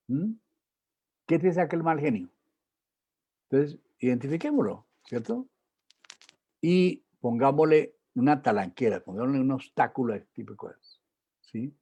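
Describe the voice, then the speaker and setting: A middle-aged man gives a public talk, relaxed and chatty. His voice is warm and mellow, with a faint huskiness. He keeps checking in with his listeners through short tag questions. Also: mid-range voice, husky. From Colombia. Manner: conversational, peppered with tag questions and fillers. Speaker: lecturer. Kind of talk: public talk on emotions and spirituality.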